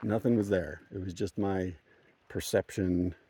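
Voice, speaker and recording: A man's voice: low-pitched, fairly even intonation, unhurried, warm tone, slightly rough. A man casually telling a story on a hiking vlog, rambling and chuckling, with frequent restarts, outdoors on a mountain trail. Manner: rambling, chuckling, self-correcting. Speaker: thru-hiker vlogger.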